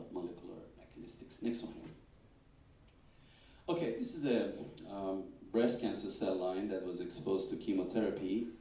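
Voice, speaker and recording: A man's voice: low voice, a little hiss or hum. A man, a doctor, giving a talk at a fundraising event, telling patient stories and acting out quotes with stammers. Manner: animated storyteller, acts out quotes with stammers. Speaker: doctor presenting research. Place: event hall. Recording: echoey hall, distant mic.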